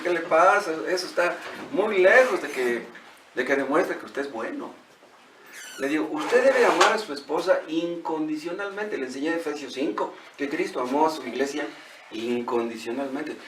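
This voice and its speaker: A man's voice: fairly high pitch, roomy sound, distant mic. Male pastor, Mexican accent, conversational sermon, faint room hiss. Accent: Mexican Spanish. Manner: conversational preaching, retells dialogue, rhetorical questions. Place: church.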